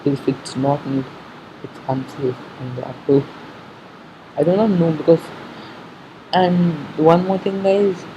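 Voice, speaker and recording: A fan giving casual commentary on an episode preview, haltingly thinking aloud, repeating and correcting themselves, on a muffled recording. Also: mid-range voice, fairly even intonation. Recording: muffled sound with faint background noise.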